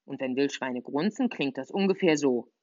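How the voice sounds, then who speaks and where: Lively woman reading a children's story. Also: a bass voice, normal speed, no echo, lo-fi sound. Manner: lively, playful, voices characters. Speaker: audiobook narrator. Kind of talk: expressive children's audiobook reading.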